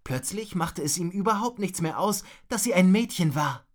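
A woman reading a children's story aloud, slow and expressive, doing character voices. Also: lowish voice.

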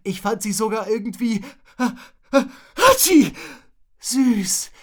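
A woman's voice: medium pitch, steady tone, unhurried, warm tone, pitched above the performer's own voice, close to an everyday voice. A woman voicing a sniffly young boy sidekick who sneezes mid-sentence in a storybook reading. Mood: fretful.

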